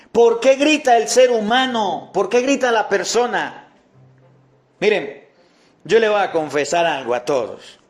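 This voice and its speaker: High-voiced preaching priest, slow and emphatic. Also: male voice. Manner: drops to a low, soft voice on key words. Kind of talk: sermon.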